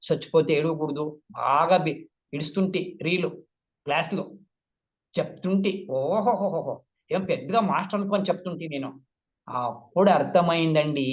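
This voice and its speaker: Older man, slightly high voice, heartfelt testimony, repeats himself. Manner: emotional, repeats words, voice rises when quoting others. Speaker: meditation teacher sharing his experience. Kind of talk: personal testimony talk.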